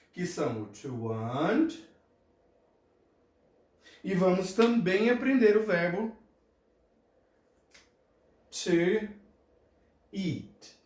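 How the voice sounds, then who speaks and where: A man's voice: high voice, a little mellow. A man teaching a classroom lesson, leading repeat-after-me drills. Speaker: English teacher. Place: classroom with a board. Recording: echoey room.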